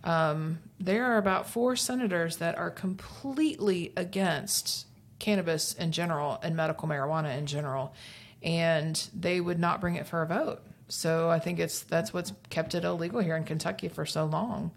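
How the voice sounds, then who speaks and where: A woman's voice: on the low side, normal speed, vocal fry. A woman co-hosting a casual podcast, talking from an empty room. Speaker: podcast co-host. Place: empty room of a new store studio.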